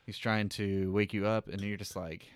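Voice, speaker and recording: A man chatting casually about a video game, explaining scenes step by step and acting out lines in a high voice. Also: little pitch movement, moderate pace, smooth, no room sound, studio quality.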